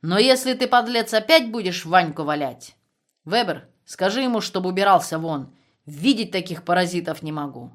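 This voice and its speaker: A woman's voice: on the low side, expressive, moderate pace, lightly acted. A woman voicing a harsh Russian camp commander who bellows contemptuous insults. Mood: furious scorn.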